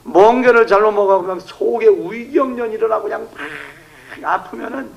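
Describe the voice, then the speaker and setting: An emphatic male pastor preaching a revival sermon in a church sanctuary. His voice sits high for a man and carries a gravelly edge, and he shifts from quiet asides to loud outbursts. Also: fairly quick, poor audio. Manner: emphatic, animated, acting out shouted prayers.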